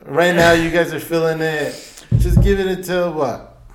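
A man co-hosting a casual football podcast, laid-back and ribbing, often trailing off softly. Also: on the high side, steady tone, normal speed, noisy background. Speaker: podcast co-host, football fan.

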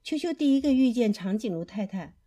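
A woman reading children's picture books aloud in a slow, expressive storybook manner. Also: on the high side.

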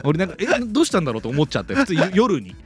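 A man in his thirties co-hosting a casual comedy podcast, firing off quick retorts and laughing often. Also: fairly high pitch, huge pitch swings, faint music behind. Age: 30s. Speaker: podcast co-host.

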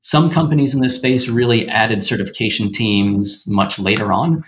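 A man with a fairly low voice speaks as a startup founder being interviewed. He has an upbeat tech-bro manner, explaining things conversationally in casual business jargon. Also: moderate pace, a little hiss or hum.

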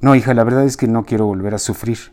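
A man's voice: medium pitch, fairly even intonation, fast talker, warm tone, natural voice. A man voicing a drunk, slurring older woman. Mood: plaintive. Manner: slurred, tongue-tied drunken speech. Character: tipsy older woman, a famous playwright, proud.

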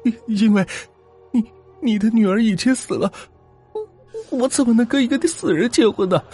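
A man's voice: very high-pitched, animated, rapid-fire, warm tone, faint music behind, pitched above the performer's own voice. A man voicing a frightened young man in a ghost story, with a strained, panicky voice. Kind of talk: storytelling character voice.

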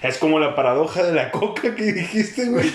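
A man's voice: a little high, big pitch swings, fairly quick. A young man with a Mexican Spanish accent co-hosting a casual podcast, teasing and joking in heavy slang. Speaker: podcast co-host. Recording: roomy room with faint background noise.

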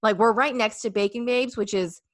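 A woman's voice: fairly high pitch, moderate pace, no room sound, clean studio sound. A young woman hosting a casual chat, telling a story animatedly with many fillers and acted-out quotes.

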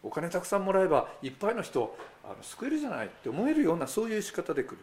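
A man's voice: high voice, wildly swooping pitch, rapid-fire. A male pastor giving a sermon in a conversational way. He speaks straight to the congregation with rhetorical asides.

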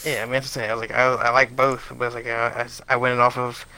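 A podcast co-host talks casually about fights in a sports chat, rambling and frequently restarting his sentences. He speaks fast with a medium-pitched, flat delivery and a bright, forceful tone.

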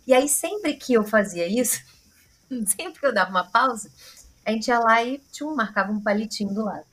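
A woman's voice: fairly high pitch, animated, moderate pace, a bit bright. A woman with a Brazilian Portuguese accent hosting a podcast, chatty and rambling in casual conversation. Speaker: podcast host.

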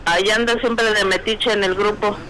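A woman's voice: medium pitch, steady tone, moderate pace. A woman from Xalapa calling into a live show, gushing and swearing playfully. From Xalapa, Mexico. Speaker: caller. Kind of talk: phone call-in chat. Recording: noisy phone call.

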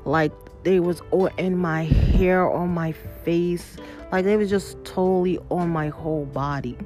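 Faint music plays behind this woman, a podcast host whose fairly low voice moves at a measured pace. She recounts a personal story in a lively, colloquial way, loose with grammar and acting out the quoted dialogue.

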